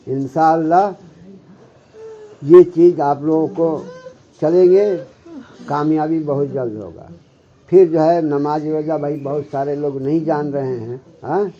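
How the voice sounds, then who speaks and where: A man giving a devotional sermon as a Sufi spiritual guide, often stopping to check with his listeners and slowly reciting Arabic scripture. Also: a little high, mellow. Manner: keeps checking with listeners, "hmm?". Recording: muffled lo-fi recording.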